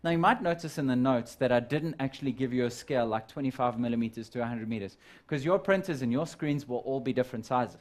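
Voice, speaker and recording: A man of ordinary pitch teaches a live science lesson to students at home. He talks them through each step of a calculation in a casual, friendly classroom way. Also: quick pace, few pauses. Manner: step-by-step explaining, addresses students as guys.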